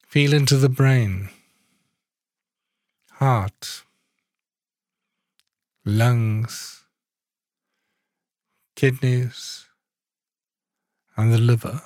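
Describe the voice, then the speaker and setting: A man leading a guided body-awareness meditation, giving calm, soft-spoken instructions with long pauses between phrases. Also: mid-range voice, no room sound, clean studio sound.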